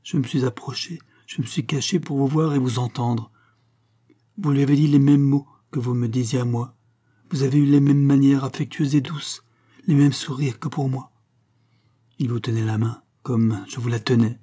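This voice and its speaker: Heartbroken young soldier, read by a man, pleading, emotional, mellow, husky. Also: medium pitch, steady tone, moderate pace, natural voice. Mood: anguished. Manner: emotional, pleading, rising in intensity.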